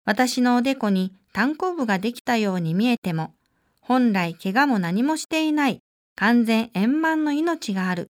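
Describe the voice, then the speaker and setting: A woman on the staff of a religious group, telling a personal testimony and then reading from a text in an earnest, measured way. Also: on the high side, animated. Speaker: staff member giving a religious talk.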